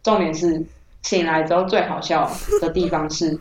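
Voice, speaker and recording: A woman from Taiwan hosting a podcast, telling stories in a casual, animated way, laughing often and acting out the people she quotes. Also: low-pitched, moderate pace, dull audio, slight background noise. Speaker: podcast host. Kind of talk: casual storytelling chat. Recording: echoey room.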